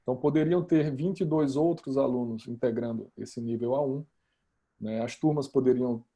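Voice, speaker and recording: Man, course coordinator, very dark husky voice, earnest explainer, video call mic. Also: mid-range voice, moderate pace. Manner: earnest, repeats for emphasis. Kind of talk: explaining in an online meeting.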